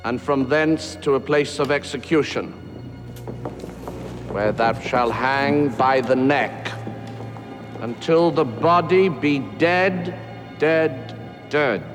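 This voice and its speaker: An actor playing a stern judge who solemnly intones a sentence in a period film. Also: male voice, mid-range voice, lightly acted. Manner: solemn, formal, measured intoning. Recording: long echoing hall reverb, faint music.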